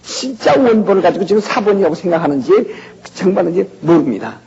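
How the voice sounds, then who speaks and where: A man's voice: high-pitched, animated, a little fast, vocal fry, dark tone, breathy edge. An older man giving a folksy, conversational Bible lecture, often checking in with his listeners. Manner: folksy, keeps asking "예?" to the audience. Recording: lo-fi recording in a reverberant hall.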